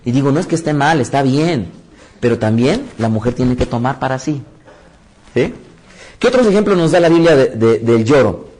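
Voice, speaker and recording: Guy preaching a sermon, reads scripture out loud, voice jumps up loud then goes quiet. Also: normal speed. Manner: animated storytelling with sudden rises in pitch and loudness; addresses audience directly, reads scripture aloud.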